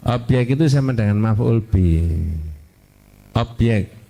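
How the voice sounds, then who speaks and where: An older man teaching a women's religious class in a mosque, quizzing listeners and reciting Arabic phrases slowly. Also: on the low side, expressive, vocal fry, warm tone. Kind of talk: interactive religious lesson. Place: mosque hall.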